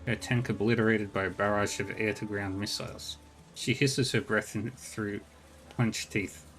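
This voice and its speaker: A man streaming a video game, reading its narration aloud in a steady, plain storytelling way. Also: fairly low pitch, moderate pace, husky.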